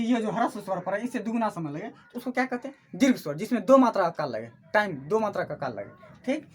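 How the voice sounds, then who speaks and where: A woman's voice: medium pitch, husky. A woman teaching an online class who asks questions and answers them herself, repeating each key term.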